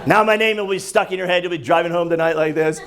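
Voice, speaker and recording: A man from New Jersey with a New Jersey accent doing a brash, profane stand-up set, singing and shouting bits on a comedy club stage. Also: high-pitched, fast talker. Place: comedy club stage before a laughing audience. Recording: live club crowd audible.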